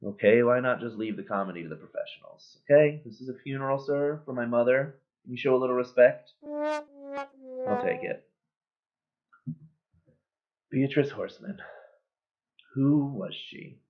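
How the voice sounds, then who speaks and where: A man cold-reading a bitter, sardonic middle-aged male horse who was once a star, joking in a deadpan way, recorded on a built-in webcam mic. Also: mid-range voice, a little slow, pauses often, faint music behind, close to an everyday voice. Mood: sardonic eulogy. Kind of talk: cold-read monologue. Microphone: built-in computer webcam mic. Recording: tinny, phone-like webcam audio.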